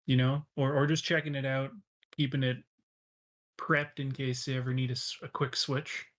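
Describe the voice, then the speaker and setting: A man narrating as game master in a tabletop game, relaxed and loose with many fillers. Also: mid-range voice, normal speed.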